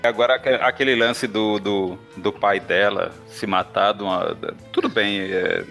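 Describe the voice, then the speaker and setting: A man's voice: on the low side, fairly even intonation, a little slow, vocal fry, a bit bright, soft background music. A man co-hosting a casual comics podcast, giving opinions with hesitant restarts. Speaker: podcast co-host.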